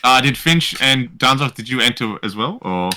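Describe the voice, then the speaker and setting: A man narrating as game master, halting, with many fillers. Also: mid-range voice, animated, background noise.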